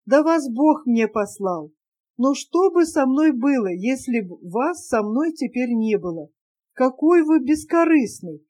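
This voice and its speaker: A woman voicing an excitable, affectionate young woman in love, eager and emotional, in an audiobook reading. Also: sits high, unhurried, exaggerated voice.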